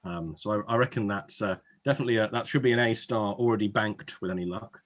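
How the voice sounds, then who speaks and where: In an online webinar, a man acting as an admissions adviser hosts an informal Q&A, reading out audience questions in a chatty style with wry asides. He talks fast in a fairly low voice.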